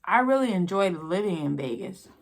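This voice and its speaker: An American woman telling a casual, rambling personal story with halting pauses, talking between bites with her mouth sometimes full. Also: on the low side, lively intonation. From New Mexico, United States. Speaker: vlogger telling a personal story while eating.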